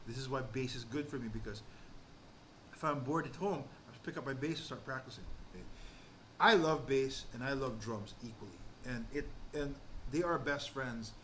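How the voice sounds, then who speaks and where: A musician hosting a vlog tells stories and tours his drum kit, talking casually with a mid-range, slightly bright voice at a moderate pace. He rambles, repeating and correcting himself. The rough recording has clear background noise and room ambience.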